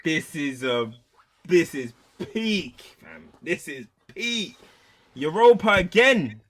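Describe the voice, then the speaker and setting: A man's voice: fairly high pitch, sing-song, slow, a bit bright. A man with a London roadman accent and slang, speaking emphatically in a heated football fan debate. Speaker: football show panelist.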